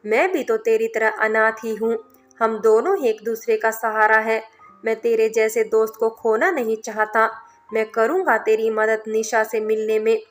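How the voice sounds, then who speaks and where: A woman's voice: fairly high pitch, flat delivery, moderate pace, lightly acted. A woman reading the lines of a blunt young orphan man in a storybook tale, with faint music behind.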